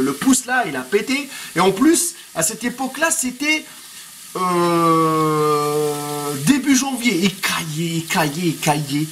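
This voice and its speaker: A man's voice: high voice, poor audio. A man in his thirties with a Tunisian accent, chatting in a hyped-up, slangy way while cooking in his home kitchen, recorded by a propped camera a bit away. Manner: street slang, rambling, pumped motivational tone. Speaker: fitness vlogger. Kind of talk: casual hyped-up vlog chat. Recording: loud frying noise behind. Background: sizzling frying pan.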